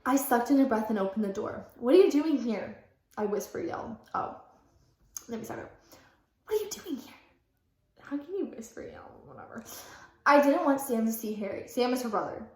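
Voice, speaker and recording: A woman's voice: fairly high pitch, expressive, fairly quick. A young woman reading her old fan fiction aloud in a casual vlog. She breaks off with self-mocking asides, corrects her own reading and fills her talk with "like". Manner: chatty, fills speech with "like". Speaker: vlogger. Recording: roomy echo.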